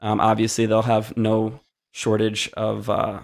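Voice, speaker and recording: A man with a lowish, gravelly, monotone voice hosts a talk show, speaking unhurriedly. His conversational music industry commentary is emphatic and explanatory, and he often checks in with rhetorical questions.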